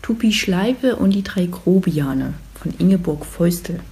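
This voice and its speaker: A woman addressing her listeners and reading a children's story aloud in a calm, lively way. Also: fairly low pitch, a little slow.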